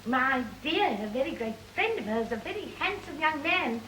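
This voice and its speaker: A high, bright English woman's voice a fussy, gushing society mother in stagey old movie style. She flutters and muddles along over a hissy early talkie soundtrack. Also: lively intonation, moderate pace, low-quality recording. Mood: gushing, eager. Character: gushing, socially ambitious wealthy mother, comically muddled. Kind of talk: stagey 1930s early talkie film comedy acting.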